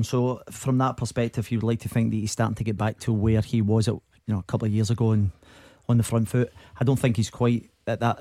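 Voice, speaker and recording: A Scottish man breaks down football tactics on a radio panel, rapid and chatty, often repeating a word before he finds the next one. His tone is mellow and relaxed. The studio mic is close and dry. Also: mid-range voice, no echo. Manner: rapid, chatty, repeats words while thinking. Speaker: football pundit. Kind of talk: radio sports analysis.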